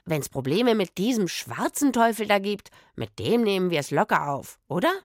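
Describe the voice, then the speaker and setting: A woman's voice: medium pitch, sing-song, moderate pace, no echo, close to an everyday voice. A confident male musician from a children's audio story, jovial and boastful. A woman narrator voices him in a close, dry recording. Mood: breezy. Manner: laughing, breezy and boastful.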